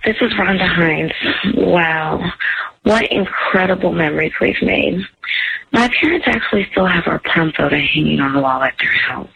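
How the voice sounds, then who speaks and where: Woman, 40s, landline voicemail, gravelly voice, muffled line, faint hiss. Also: lowish voice, lively intonation, moderate pace. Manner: fond, reminiscing, heartfelt. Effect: heard over a landline phone voicemail. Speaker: caller leaving a voicemail.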